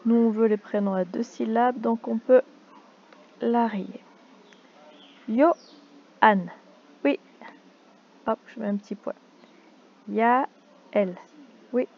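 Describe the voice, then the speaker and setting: A woman teaching young children in a slow, deliberate way, stretching out key words and syllables. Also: a little high, narrow, tinny audio.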